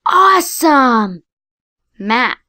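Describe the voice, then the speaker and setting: A woman's voice: high voice, very animated, drawn-out words, sharp tone, dry recording, studio quality. A woman voicing the prompts of a children's phonics app, giving cheerful praise and sounding out letters and words with care. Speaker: app narrator.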